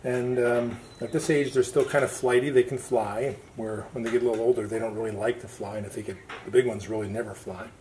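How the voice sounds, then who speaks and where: A farmer presenting a how-to video talks casually and plainly in a folksy, off-the-cuff way, his medium-pitched male voice brisk with fairly even intonation and few pauses. He's outdoors on a farm by a concrete patio and pens. The noisy recording is full of loud bird chirps, clucking and clicks.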